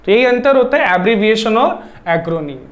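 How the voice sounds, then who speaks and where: A man's voice: high-pitched, expressive, brisk, a bit bright. A man with an Indian accent teaching English vocabulary, repeating himself often and calling his listeners "everyone". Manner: repetitive, addresses listeners as "everyone", mixes Hindi and English. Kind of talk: classroom-style lesson explaining word roots. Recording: slightly dull, lo-fi audio.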